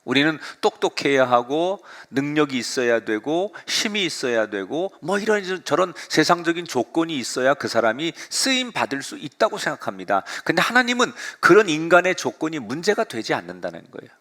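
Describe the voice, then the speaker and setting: A middle-aged male pastor preaching a sermon, retelling the story with lively, dramatic delivery. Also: a little high, normal speed, few pauses.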